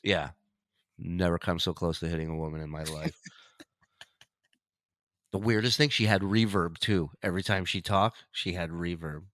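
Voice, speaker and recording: A man's voice: low voice, normal speed, long pauses, fairly bright tone, no echo. A man hosting a podcast in casual chat, joking and swearing freely. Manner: joking, profane banter. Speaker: podcast host.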